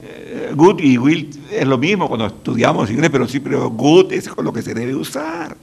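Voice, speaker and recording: An older man from Peru with a Peruvian accent, a professor telling anecdotes in a halting, repetitive way with dry humor. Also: mid-range voice, big pitch swings, darkish tone, a little hiss or hum. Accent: Peruvian Spanish. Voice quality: gravelly, husky. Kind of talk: storytelling talk.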